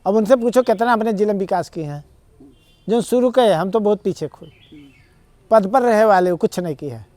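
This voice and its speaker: A man speaks with an Awadhi accent as an interview guest, his voice pitched fairly high. He argues earnestly and at length. The sound is dry and close. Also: animated, moderate pace, a little mellow, dry recording. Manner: earnest, argumentative, rambling explanations. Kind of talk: conversational interview.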